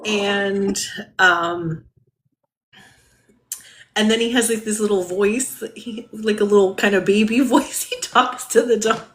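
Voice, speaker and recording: Woman medium on a live stream, gentle and hesitant, faint noise behind. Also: medium pitch, fairly even intonation, takes it slowly, pauses often. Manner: gentle, hesitant, many fillers and laughs. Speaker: medium giving a reading. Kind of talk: live-stream spirit reading.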